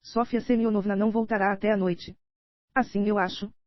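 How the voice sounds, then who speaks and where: A Brazilian woman with a mid-range voice reads an audiobook part as a scheming older nobleman, keeping her own voice and only lightly acting it. Her delivery is steady, fairly quick, slightly dull and dry, with a pleading, insistent mood, a Brazilian Portuguese accent, and no echo.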